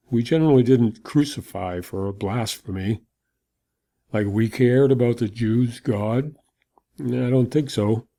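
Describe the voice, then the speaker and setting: A man's voice: lowish voice, mellow. A man playing a weary Roman soldier in a dramatic monologue, telling his story in a reflective, conversational way. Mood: dismissive. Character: weary Roman soldier recounting an execution, awed.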